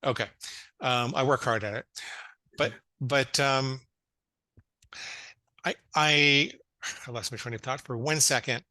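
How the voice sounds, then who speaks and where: Man in his fifties, guest psychologist, earnest and stammering, bright and dry sound. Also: medium pitch, steady tone, measured pace, pauses often, dry recording. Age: 50s. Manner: earnest storytelling with stammered restarts. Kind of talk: casual interview chat.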